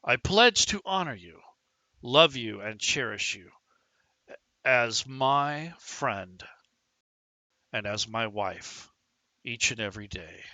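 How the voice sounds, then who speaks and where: Man playing a stubborn groom, earnest, bright and slow. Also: mid-range voice, expressive, dry recording, rough recording. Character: proud, determined young groom.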